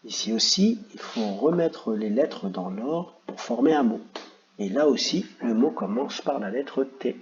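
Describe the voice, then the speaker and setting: A man's voice: mid-range voice, animated, a little slow, slight background noise. Guy teacher going over a worksheet for kids, patient and encouraging, kinda dull lo-fi sound. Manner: patient, encouraging, addresses children directly. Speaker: primary school teacher. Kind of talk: explaining worksheet exercises to children.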